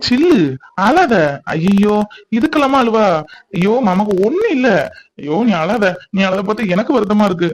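A man voicing a gentle young husband in a cartoon, comforting his crying wife. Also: high voice, sing-song, normal speed, long pauses, rough recording. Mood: soothing. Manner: comforting, coaxing. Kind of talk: cartoon voice acting.

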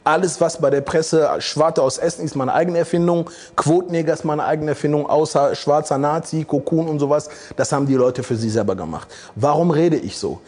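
Interviewed in a studio with red curtains, a Congolese man in his forties answers bluntly and provocatively, with plenty of hesitations, through a lapel mic. His voice sits fairly high, sounding mellow with a slight roughness.

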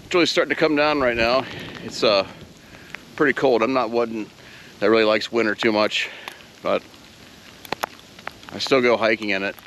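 A man's voice: medium pitch, fairly even intonation, moderate pace, long pauses, a bit bright, slight background noise. A man from Ohio vlogging casually while hiking outdoors on a snowy trail, easygoing and self-deprecating, with frequent filler words.

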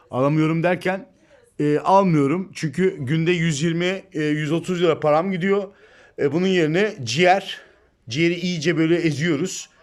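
A man chatting casually to viewers about his cat in a home video, filmed on a phone indoors. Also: a little high. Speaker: pet vlogger.

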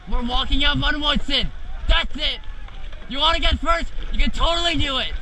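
A teenage male coxswain with a very high, piercingly bright voice. He calls race commands in short, urgent, repeated bursts, spaced out at a slow pace. It is recorded outdoors on a boat with faint wind and water noise. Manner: urgent, clipped, repetitive commands. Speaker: rowing coxswain. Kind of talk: shouted race calls to a rowing crew. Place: outdoors in a racing shell on a lake. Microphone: camera mounted on the boat near the speaker.

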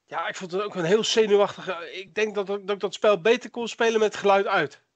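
A man's voice: high voice, fairly even intonation, a little fast, highs cut off. A man co-hosting a podcast, chatting casually about old video games with short replies. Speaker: podcast co-host.

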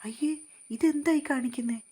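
A woman's voice: high-pitched, darkish tone, slightly rough, voice pushed up. A woman voicing a sassy, stubborn young woman of about twenty who pouts and protests in a storybook reading. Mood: indignant. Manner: pouty, teasing, quick to protest.

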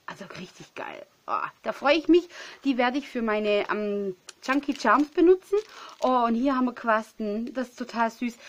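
A woman in her thirties talks through an unboxing of craft gifts at home. She sounds chatty and excitable, gushing over each small item. Her voice sits a little high and she is tired and sniffly from a runny nose. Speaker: crafting vlogger. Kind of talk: casual unboxing chat.

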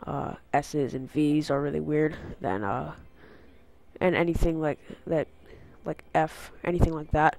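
This teenage gaming channel host has a stuffy nose from a cold as he rambles through a casual channel update on a headset mic that's new to him. His voice sits a little high, gravelly yet a bit mellow, with a steady tone and a measured pace. The talk meanders, drifting into tangents and leaning heavily on filler.

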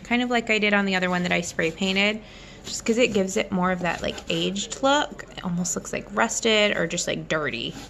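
Chatty woman with a gravelly edge. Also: mid-range voice, normal speed, a bit bright, a little hiss or hum. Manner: chatty, lots of "um" and "like", light laughs. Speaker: DIY crafter. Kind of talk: casual DIY vlog narration. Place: outdoors at a patio table. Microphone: phone held in one hand.

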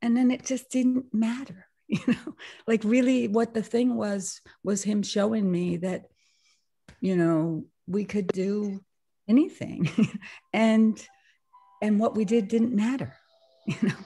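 A woman's voice: medium pitch, slow. A woman on a video call sharing a personal story with a group, laughing often as she talks. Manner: animated, laughing often, many restarts. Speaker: satsang participant sharing a story.

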